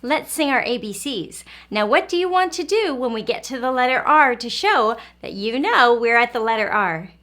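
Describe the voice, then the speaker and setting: A fairly high, expressive, fairly bright female voice leads young viewers through a lesson and a story read-aloud. She speaks in simple, encouraging phrases, asks questions, and gives the children pauses to answer.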